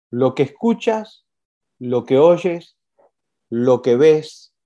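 A preacher, giving an animated sermon full of repetition and rhetorical questions. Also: medium pitch, dull audio.

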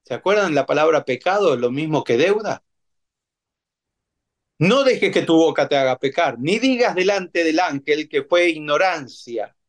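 A man's voice: a little high, expressive, measured pace. A man preaching a sermon in an emphatic way, repeating phrases and asking his congregation rhetorical questions.

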